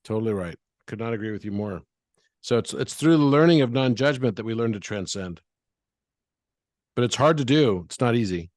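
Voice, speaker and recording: A man with a mid-pitched voice who is a guest in an interview. He explains calmly and patiently, walking through examples one step at a time. The sound is dry, with no room echo. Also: brisk.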